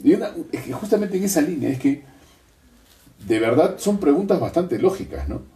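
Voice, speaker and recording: A man from Peru with a mellow, darker voice, heard a little far from the microphone. He talks reflectively, adding ironic asides and checking in with his partner with tag questions. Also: on the high side, very animated, moderate pace. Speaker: co-host. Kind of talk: conversational commentary.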